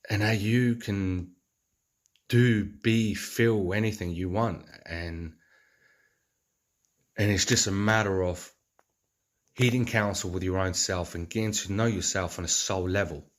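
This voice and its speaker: Deep-voiced man in a rambling monologue. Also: fairly even intonation, measured pace, pauses often. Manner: rambling, earnest, full of fillers and restarts. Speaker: vlogger. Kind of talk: casual reflective monologue.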